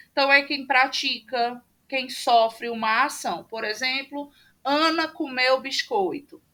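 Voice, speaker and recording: Woman, online teacher, higher voice, unhurried step-by-step explainer. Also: sharp tone. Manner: patient, explaining step by step with many fillers. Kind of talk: online class lecture. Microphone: computer mic on a video call.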